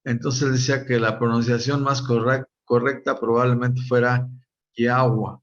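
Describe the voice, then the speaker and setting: A man teaching a Bible study, speaking in a halting way with many pauses and fillers and calling his listeners brothers. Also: medium pitch, level tone, lo-fi sound.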